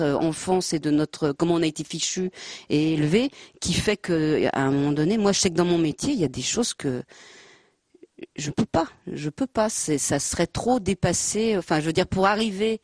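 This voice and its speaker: A woman on a panel who talks haltingly, hunting for words, then reads a poetic text aloud. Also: on the low side, darkish tone, dry recording, clean studio sound. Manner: hesitant, searching for words, self-deprecating. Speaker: panel guest. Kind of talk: halting casual talk, then a poetry reading. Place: panel event with a handheld mic.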